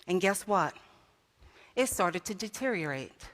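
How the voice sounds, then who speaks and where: A woman minister delivers a story-driven sermon in church, posing rhetorical questions and rising to emphatic climaxes, all under long hall reverb. She speaks in a lowish, sing-song, slightly bright voice at a measured pace, with slight background noise.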